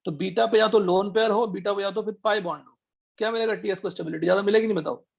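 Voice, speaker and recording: Raspy high-voiced male teacher quizzing. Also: fairly even intonation. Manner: quizzing students with rapid questions. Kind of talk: online chemistry class, Hindi mixed with English.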